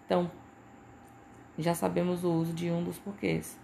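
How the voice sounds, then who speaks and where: A Brazilian woman teaches a recorded lesson in a low voice with a gravelly edge. She explains patiently and keeps checking in with her listeners. A faint noise sits under the recording. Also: monotone, moderate pace, dark tone. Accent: Brazilian Portuguese. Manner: patient, repeats points with frequent "né" and "tá".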